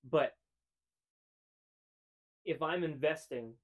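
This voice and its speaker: Emphatic, opinionated man, a bit high-pitched. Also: drawn-out words. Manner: opinionated, emphatic, repeats phrases for effect. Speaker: co-host. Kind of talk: casual podcast chat. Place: room full of hanging jerseys.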